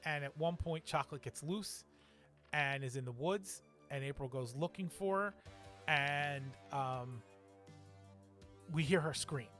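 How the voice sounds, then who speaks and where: Man, podcast co-host, casual movie chat, wry and sarcastic, slightly high voice, faint music behind. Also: a little slow, pauses often, a bit bright. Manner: wry, sarcastic, laughs often.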